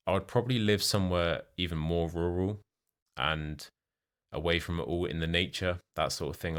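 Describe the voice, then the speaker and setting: Very deep-voiced young British man, tutoring. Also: a bit bright, dry recording, studio quality. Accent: modern British. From United Kingdom. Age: young adult. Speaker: English speaking tutor. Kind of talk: explanatory language lesson with sample exam answers.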